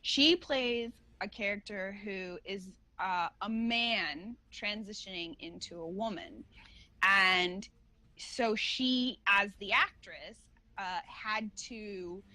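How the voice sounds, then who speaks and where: A cosplay face model appears as a guest on a casual podcast, telling stories in loose, rambling talk full of fillers and restarts. Her medium-pitched voice is slow, pushed and bright, and the audio quality is poor.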